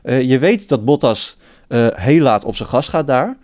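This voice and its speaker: A man's voice: mid-range voice, animated, normal speed, a little mellow, no echo, clean studio sound. A man giving opinions on a motorsport chat show, hesitant with many fillers and broken starts. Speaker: co-host pundit. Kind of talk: casual analytical chat.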